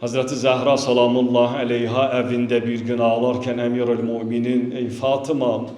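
A man's voice: mid-range voice, monotone, normal speed, a little mellow. A man delivering a mourning sermon in a mosque, emotional and declaiming, at times chanting. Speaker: preacher. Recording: echoey mosque hall.

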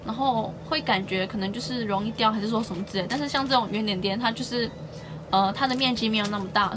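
Upbeat higher-voiced woman vlogger. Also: background noise. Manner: chatty and upbeat, often stresses words by doubling them. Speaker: beauty and shopping vlogger. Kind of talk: casual haul vlog chat.

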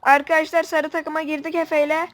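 Woman host, high voice, casual gameplay banter, jokey, faint room noise. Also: fairly quick. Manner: excitable, joking, swears playfully. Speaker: gamer host.

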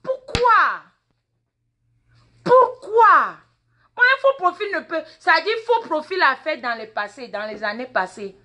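Extremely high-pitched and sharp, the voice of this forties-aged social media personality is very animated yet a little slow. A native Mina speaker with a Mina accent, she lectures her followers in an impassioned, repetitive monologue, repeating words and questions, on a live phone video held at arm's length in a large indoor waiting room.

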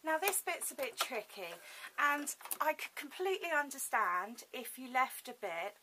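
A woman gives an informal craft demonstration, thinking aloud while her hands are busy. Her voice is bright and slightly high, with the soft articulation of someone speaking toothless, lips over teeth. A faint hiss sits under the home recording. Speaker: sewing tutorial host. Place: indoors at a home sewing table.

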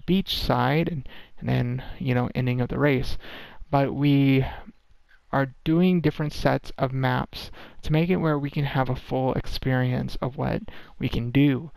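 A man's voice: mid-range voice, steady tone, normal speed, gravelly, darkish tone, dry recording. A tired man giving a casual, rambling game development update, full of ums and restarts. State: tired, worn-out voice.

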